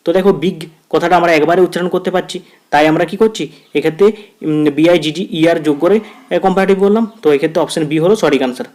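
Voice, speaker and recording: Man with a Bengali accent and a slightly high voice, teaching exam grammar, friendly, repetitive, slow careful reading of English sentences. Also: a little mellow. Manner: addresses viewers as friend, repeats phrases; reads English quiz sentences slowly, word by word. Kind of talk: exam-prep grammar lesson.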